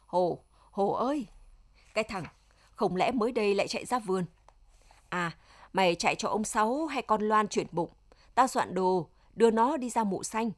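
A woman's voice: mid-range voice, expressive, moderate pace, pauses often, no echo, clean studio sound, lightly acted. A woman voicing an anxious, fussy older village mother with a scolding, bossy tone.

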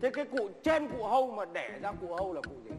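A man's voice: sits high, sing-song, fast talker, big-room sound, over music. A man playing a blustering old grandpa. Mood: bossy. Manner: blustering, scolding. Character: stubborn, bossy grandfather. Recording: clear background noise.

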